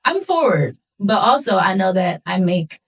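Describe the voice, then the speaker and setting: This guest, an American singer in her twenties from Philadelphia, explains her thoughts casually and earnestly during a podcast interview. Her medium-pitched voice swings widely in pitch, moves at a moderate pace, and carries a breathy edge.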